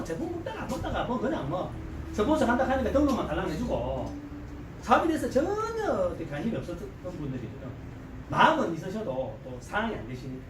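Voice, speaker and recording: Here the same middle-aged Gyeongsang-accented lecturer entertains a live seminar audience, quizzing them with rhetorical questions and jokes while his fairly high pitch rises and falls sharply. He is picked up by a distant mic in a reverberant hall with soft background hum.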